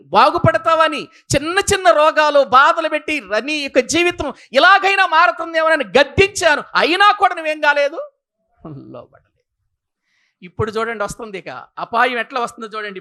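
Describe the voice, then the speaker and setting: A man's voice: extremely high pitch, sharp tone. A man preaching a sermon emphatically, firing rhetorical questions at his listeners.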